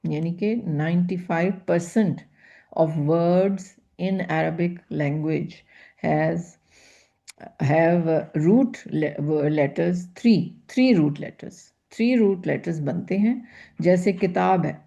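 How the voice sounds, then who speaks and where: Slow, gravelly-voiced woman teacher. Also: on the low side, dark tone, dull audio. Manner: patient, repeats terms and asks rhetorical questions. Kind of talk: grammar lecture.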